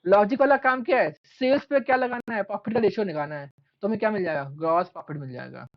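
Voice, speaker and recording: A commerce teacher lecturing a class, asking questions and answering them himself, repeating key terms and drawing them out slowly as he writes. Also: sits high. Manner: stretches out terms slowly while writing. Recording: dull lo-fi recording.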